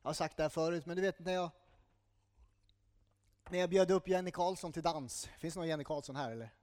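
A man preaching a sermon in a conversational style, with asides and small jokes, dropping to a slow, hushed voice on tender lines. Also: a little high. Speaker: pastor.

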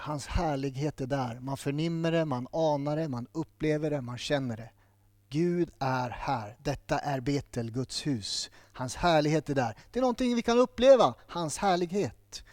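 A man's voice: a little high, darkish tone, no echo. A man preaching a sermon in a church, building his points through short repeated phrases.

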